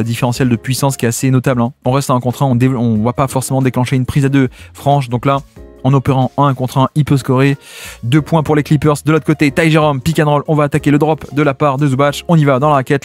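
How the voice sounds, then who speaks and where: Man breaking down basketball plays. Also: mid-range voice. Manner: explanatory, acts out players in first person, frequent "hein" and "hop". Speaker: basketball tactics analyst. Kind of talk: video breakdown commentary over game footage.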